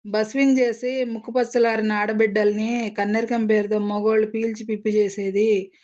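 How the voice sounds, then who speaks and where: A woman narrates a novel as an audiobook, telling the story in a dramatic, measured way. Her voice is mellow and warm. The recording sounds dull and lo-fi. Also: medium pitch, level tone.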